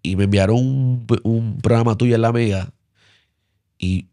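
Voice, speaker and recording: Earnest Puerto Rican pastor, dry close sound. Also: male voice, fairly even intonation, a little slow, no echo. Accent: Puerto Rican Spanish. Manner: earnest, repeats himself, voice drops low and soft when moved. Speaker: pastor, interview guest. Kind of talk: emotional storytelling interview.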